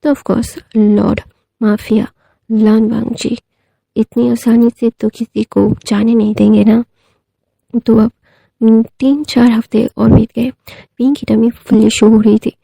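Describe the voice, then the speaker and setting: A woman's voice: on the high side, level tone, a little slow, gravelly, warm tone, dry recording, rough recording. A woman narrating a fan fiction story in a casual, conversational way with frequent asides and fillers.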